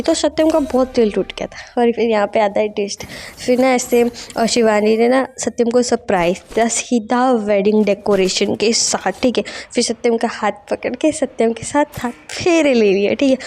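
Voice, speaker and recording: A woman's voice: on the high side, dark tone. A young woman casually retelling a love story for her channel, rambling with lots of fillers and frequent giggles. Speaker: storyteller and gamer channel host. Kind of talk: casual spoken storytelling over gameplay.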